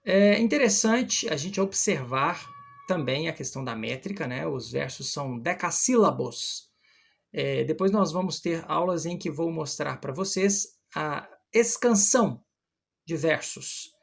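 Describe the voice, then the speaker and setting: Lady teaching a poem, kinda breathy, voice goes up and down a lot, reads lines slow. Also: sits low, animated. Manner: explains step by step, slows to read verses aloud. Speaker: literature teacher. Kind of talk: explanatory poetry lesson.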